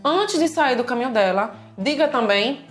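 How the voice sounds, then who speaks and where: Brazilian woman co-hosting a lesson, higher voice, echoey room with faint music. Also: normal speed. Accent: Brazilian Portuguese. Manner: lively, explains patiently with examples. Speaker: language teacher and co-host. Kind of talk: casual explanatory video lesson.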